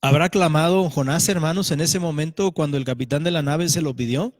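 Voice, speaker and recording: Pastor preaching in a reverberant church. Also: male voice, a little high, fairly quick. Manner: animated, acts out quoted voices, asks the congregation questions. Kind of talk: sermon. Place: church sanctuary.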